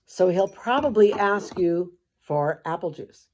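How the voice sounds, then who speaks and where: Sarcastic older woman, lowish voice. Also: animated, a little slow, darkish tone, slight background noise. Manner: sarcastic, rambling asides with mild swearing. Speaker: host reading a children's book aloud. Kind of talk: comic storybook commentary.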